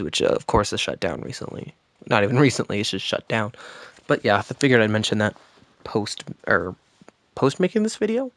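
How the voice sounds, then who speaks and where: A man's voice: lowish voice, no room sound. A man giving a casual video game review, recorded under a blanket with pillows behind him, rambling and correcting himself with jokey asides. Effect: muffled, recorded under a blanket.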